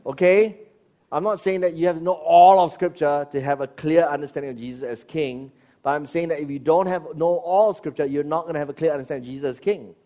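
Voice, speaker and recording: A middle-aged man preaching a sermon, animated, firing rhetorical questions and dropping into low asides. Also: brisk. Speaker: pastor.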